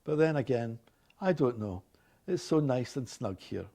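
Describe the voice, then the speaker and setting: A man's voice: medium pitch, animated, a little slow, creaky, mellow. A man in his late sixties with a Glasgow Scottish accent. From Glasgow, Scotland. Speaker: organist. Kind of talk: reading accent sample passages and word lists aloud; casual chat about his own life.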